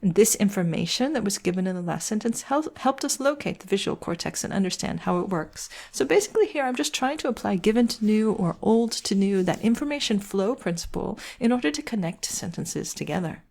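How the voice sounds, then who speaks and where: A woman's voice: medium pitch, expressive, brisk, creaky, hardly any pauses, darkish tone. A woman teacher walks through editing a text step by step, asking questions aloud and answering them herself. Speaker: writing teacher. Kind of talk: walkthrough editing lesson.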